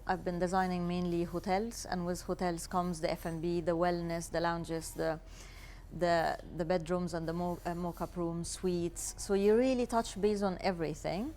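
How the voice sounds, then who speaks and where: A woman's voice: lowish voice, a little mellow, a little hiss or hum. Egyptian-born woman, candid and laughing. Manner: candid, self-deprecating, laughs easily. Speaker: interior designer, guest. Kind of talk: casual interview talk.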